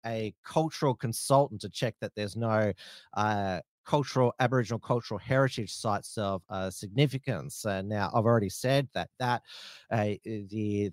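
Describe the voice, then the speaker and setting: Male political commentator, informal and hesitant, mid-pitched voice, dry recording. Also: dry recording. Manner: halting, hesitant delivery.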